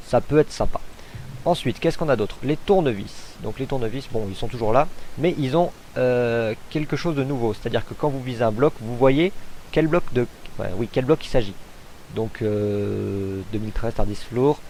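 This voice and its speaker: A man's voice: medium pitch, a little mellow, slight background noise, low-quality recording. A man casually commenting on gameplay as he demonstrates a game mod, chatty and hesitant, thinking aloud with fillers. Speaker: gamer showcasing a mod.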